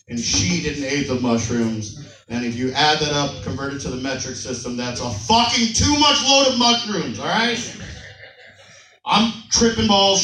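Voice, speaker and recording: A young man works a comedy club crowd with brash, profane storytelling. His voice sits high and sounds bright and sharp. The room is echoey and he is a little distant from the mic. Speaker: stand-up comedian. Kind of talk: stand-up comedy set.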